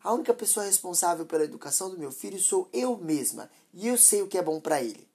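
A woman's voice: lowish voice, expressive, fast, dark tone, breathy edge, pitched above the performer's own voice, full character voice. A woman voicing a harsh, impatient mother who scolds sharply and dismissively. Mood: scornful.

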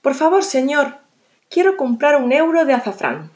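A woman's voice: high-pitched, normal speed, pitched above the performer's own voice. A woman voicing a tiny, eager boy the size of a chickpea in a storybook podcast, pleading and calling out. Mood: shouting. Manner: pleading, excited, shouting.

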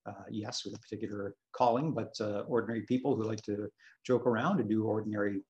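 A middle-aged man, a parish priest, talking in a casual interview, pausing often with uh. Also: lowish voice, steady tone, a little mellow, muffled recording. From Scotland, raised in Canada. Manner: hesitant, many uh fillers.

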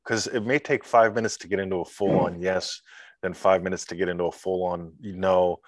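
A man chatting on a podcast as a guest mentor, telling stories with lively acted-out scenes and sound effects. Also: deep voice, a little fast, no echo, clean studio sound. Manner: animated storyteller, acts out scenes with sound effects. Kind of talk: casual podcast chat.

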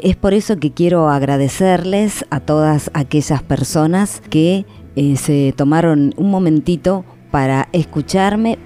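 Low, slow Argentine woman host. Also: mellow. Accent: Argentine Spanish. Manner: slow, reflective, repetitive phrasing. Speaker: radio host. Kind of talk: reflective monologue on radio.

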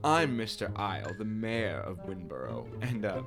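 A man voicing a pompous older male mayor who is a smug villain, talking down to others with slow, gloating words. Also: fairly low pitch, sing-song, music in the background, pitched below the performer's own voice. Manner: condescending, drawn-out gloating.

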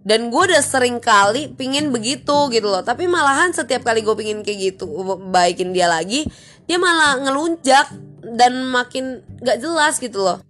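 A woman's voice: high-pitched, animated, normal speed, fairly bright tone, faint music behind. A young woman, telling a story in a chatty, slangy vlog with exasperated venting. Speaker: vlogger.

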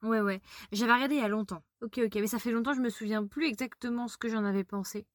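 A woman hosting a casual chat, talking in a gushing, animated way. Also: on the high side, no room sound, clean studio sound. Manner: animated and gushing, quick talk. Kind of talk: casual chat about TV dramas.

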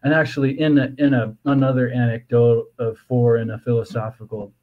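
A man with a lisp and slushy s sounds explains philosophical ideas conversationally as a guest, in a halting, digressive way. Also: mid-range voice, level tone, narrow, tinny audio. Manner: halting, digressive, with repeated "you know". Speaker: podcast guest, author.

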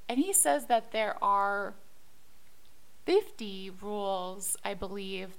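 A woman's voice: medium pitch, a bit bright, rough recording. A woman co-hosting a podcast, chatting and explaining scenes from a TV episode. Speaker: podcast co-host. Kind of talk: casual recap chat.

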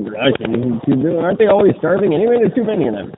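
A man co-hosting a podcast talks at a moderate pace in a sing-song voice on the high side. Muffled as if through a sweater on a phone-like line with background noise, he rambles casually, swears in passing and frequently restarts.

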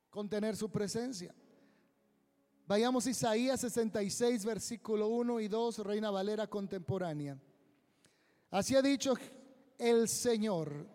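Male preacher, high voice, unhurried emphatic sermon delivery, reverberant hall. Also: a little mellow, clean tone. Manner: slow, emphatic preaching with drawn-out phrases. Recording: long reverb of a large hall.

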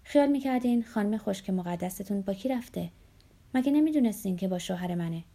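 Lady doing a stern gray-haired old woman, angry and threatening, gravelly husky voice, audiobook. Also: mid-range voice, lively intonation, warm tone. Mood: bitter, threatening.

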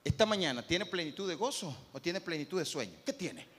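A man preaching a sermon, switching from hushed asides to loud, rousing calls and acting out churchgoers. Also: on the high side, brisk, husky. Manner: animated preaching, swings from soft to loud, acts out churchgoers. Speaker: pastor. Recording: long hall reverb.

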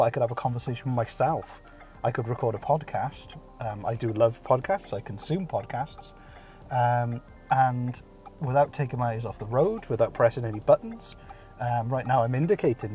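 A mid-range, dark-toned voice belongs to a podcast host from Wales in his thirties. While driving his car he records a casual, jokey, self-deprecating monologue on a phone hands-free kit, with lots of ums.

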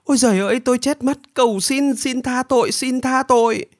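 Man doing a greedy blowhard, high and shrill, sing-song swoops, whiny, storybook voice, dry close sound. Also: big pitch swings, slow pace, no echo. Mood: wailing. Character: greedy boastful middle-aged man, whiny coward. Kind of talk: storybook character voice.

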